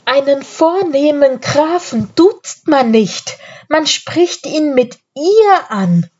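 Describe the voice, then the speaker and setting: A woman's voice: sits high, expressive, takes it slowly, a little mellow, dull audio, voice pushed up. A woman voicing a pompous, status-obsessed wife who scolds others in a prim, hissing way. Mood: snobbish.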